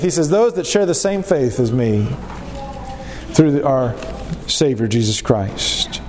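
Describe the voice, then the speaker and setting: A man's voice: high-pitched, a little mellow. Nasal, stuffed-up male preacher in an echoey hall. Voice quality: nasal, congested, as if nose pinched. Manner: emphatic teaching with rhetorical questions and repetition. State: stuffed up with a cold. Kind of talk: sermon, Bible teaching. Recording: echoey hall, long reverb, faint background noise.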